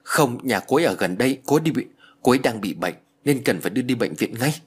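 A man's voice: medium pitch, animated, fast, husky. A man reading a ghost story and voicing a worried young man who presses his point earnestly. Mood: pressing.

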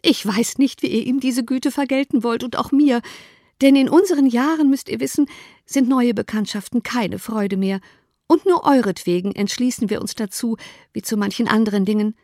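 A fussy mother in a storybook reading, excitable and quick to exclaim, as a woman reader puts her on. The voice jumps high and lands loud on its outbursts. It is recorded close and dry, with no room sound. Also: no room sound, natural voice. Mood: gushing. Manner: shrill, exclamatory, high-strung. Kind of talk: audiobook character voice.

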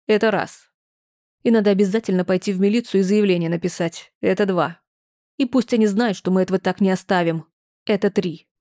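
A distraught mother in an audiobook, wailing reproaches and then snapping out short, hard commands, as a female reader puts her on. The tone stays mellow, not bright, even at its sharpest. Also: medium pitch, fairly quick, close to an everyday voice. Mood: stern. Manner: lamenting, reproachful, clipped orders. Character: older mother, shrill, wailing, then stern.

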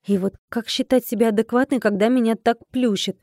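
A woman's voice: fairly high pitch, steady tone, brisk, darkish tone, no room sound, clean studio sound. A young woman reading a first-person audiobook with a wry, conversational inner-monologue manner. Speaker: audiobook narrator.

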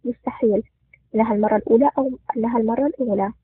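A man's voice: very high voice, steady tone, racing, slightly rough, no room sound. A man voicing an impulsive male officer in a spoken story, astonished and hasty. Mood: startled. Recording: tinny phone-like sound.

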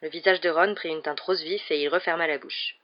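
An audiobook narrator reading a novel in a measured, expressive way. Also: medium pitch. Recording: dull lo-fi recording.

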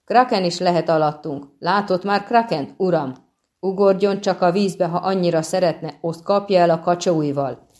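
A woman voicing a gruff, stubborn ship captain with a coarse, defiant manner, in an audiobook. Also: on the low side, darkish tone, lightly acted. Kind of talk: audiobook reading.

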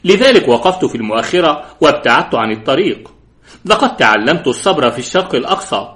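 A man voicing a patient male expert who talks slowly and modestly. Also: mid-range voice. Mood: relaxed. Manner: slow, relaxed, modest.

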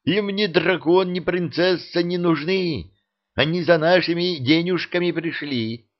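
A man voicing a brash, quick-tempered young adventurer who flares up with indignant bursts, in a dull lo-fi audiobook recording. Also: a little high, pitched above the performer's own voice, natural voice. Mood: alarmed.

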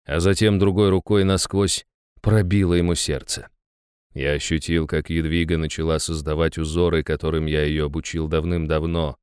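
Deep-voiced male audiobook narrator. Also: level tone, moderate pace, a little mellow, clean tone, dry recording, studio quality. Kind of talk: first-person fantasy audiobook narration.

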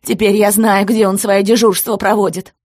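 A woman's voice: mid-range voice, level tone, moderate pace, dry recording, studio quality, voice pushed up, lightly acted. A woman voicing a betrayed young wife who screams insults at her husband, in an audiobook. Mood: furious. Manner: yelling insults.

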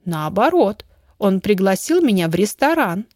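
A woman's voice: medium pitch, very animated, normal speed, a little mellow, no echo, close to an everyday voice. An affectionate older grandmother chatters eagerly and fires off questions, as a woman narrator voices her. Her voice sits in a middle register. It is recorded dry and close to the mic.

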